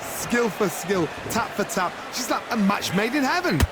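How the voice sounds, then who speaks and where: A man's voice: high-pitched, animated, normal speed, music in the background. A man playing a keen British boxing pundit, giving emphatic colour commentary and expert tactical explanation. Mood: intense. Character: keen male boxing pundit, relishing a brawl. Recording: loud noise behind the voice.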